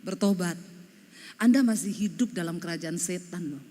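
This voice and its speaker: A middle-aged woman pastor from Sulawesi with a Sulawesi accent, preaching a lively, humorous sermon that slips into Javanese phrases. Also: lowish voice, normal speed, big-room sound. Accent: Sulawesi Indonesian.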